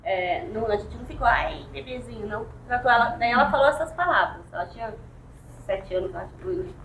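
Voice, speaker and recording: A woman's voice: on the high side, lively intonation, fast, fairly bright tone, a little hiss or hum. Hesitant Brazilian woman, off-mic in a room. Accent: Brazilian Portuguese. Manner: hesitant, searching for words. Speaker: participant. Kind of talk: casual anecdote. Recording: echoey room, off-mic, faint background.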